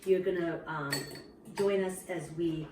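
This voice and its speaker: A woman's voice: lowish voice, measured pace. Mother talking in an echoey kitchen. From Burma. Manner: warm explaining to schoolchildren, chatty with fillers. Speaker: mother showing family cooking. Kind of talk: casual home video narration. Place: home kitchen. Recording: echoey kitchen, camera far off, noisy.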